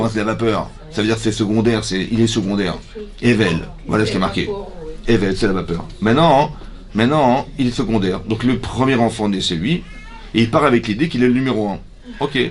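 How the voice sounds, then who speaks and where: A man, a rabbi giving a lively Torah lesson to a women's class. He keeps asking his listeners questions and acts out the dialogue. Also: fairly low pitch. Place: community hall.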